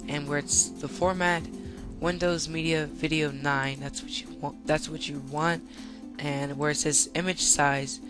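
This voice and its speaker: A man with a squeaky voice giving a casual, step-by-step software tutorial as its host. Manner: instructional, step-by-step. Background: background music.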